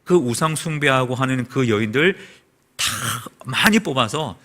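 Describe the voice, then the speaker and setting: A man preaching a Sunday sermon as a pastor in a church, asking the congregation rhetorical questions. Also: normal speed. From South Korea. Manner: preaching with rhetorical questions and lively swings in pitch and volume. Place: church sanctuary.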